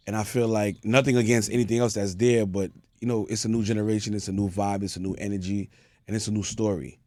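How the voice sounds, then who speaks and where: A man's voice: on the low side, flat delivery, fast, a little mellow, no room sound. A man who works as a DJ, talking laid-back and rambling, with many fillers. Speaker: DJ, guest. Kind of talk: conversational interview.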